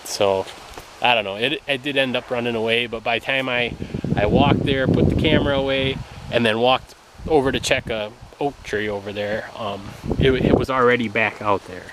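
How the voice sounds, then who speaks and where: A man's voice: mid-range voice, steady tone, normal speed, heavy background noise. A man giving a casual vlog walk-through outdoors in the woods while out of breath, rambling with fillers and chuckles. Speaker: family vlogger.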